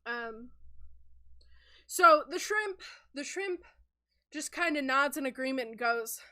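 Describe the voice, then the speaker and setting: A woman narrating an improvised cartoon story as host. Her voice is high and bright, and she rambles casually with plenty of ums and restarts. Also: lively intonation, takes it slowly. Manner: rambling, filler-heavy.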